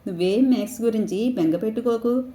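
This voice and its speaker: A woman voicing a gentle grandmother who softly coaxes and comforts her crying grandson. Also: on the high side, brisk, pitched above the performer's own voice, natural voice. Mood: soothing. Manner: tender, coaxing. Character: gentle, loving grandmother soothing a child. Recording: echoey room.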